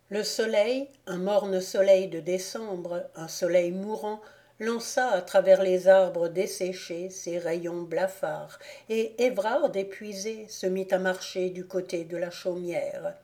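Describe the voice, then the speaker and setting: A woman reading a classic novel aloud as a volunteer audiobook narrator, in a measured, unhurried manner. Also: medium pitch, warm tone.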